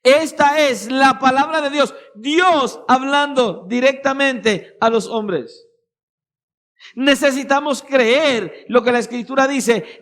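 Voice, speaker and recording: A man's voice: very high-pitched, fairly bright tone. A man with a Colombian accent preaching a sermon in a church hall, emphatic, with rhetorical questions and repeated phrases. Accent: Colombian Spanish. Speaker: pastor.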